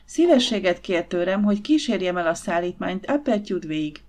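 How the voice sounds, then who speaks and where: A woman voicing a calm, guarded Victorian gentleman in an audiobook, speaking in an even, measured way. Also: fairly low pitch, natural voice.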